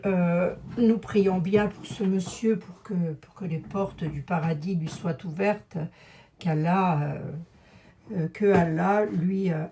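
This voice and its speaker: A clairvoyant YouTuber with a Lorraine French accent chats casually to her viewers from home while painting a room. Her voice is lowish and dark in tone, and she rambles and digresses while addressing the audience directly.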